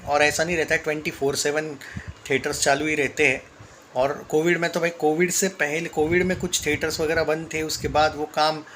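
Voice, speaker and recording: A man's voice: on the high side, fairly bright tone. A man giving heated, emphatic film commentary straight to his viewers, with light noise in the background. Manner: heated, emphatic, repeatedly addressing viewers as brother. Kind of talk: casual opinionated commentary.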